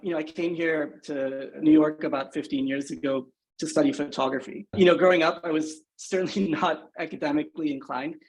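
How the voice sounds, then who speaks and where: A Singaporean agency founder in his thirties speaks thoughtfully as a podcast interview guest, sprinkling in plenty of "you know" and "right?". His voice is a little high and fairly even, moving a little fast, and the recording quality is low.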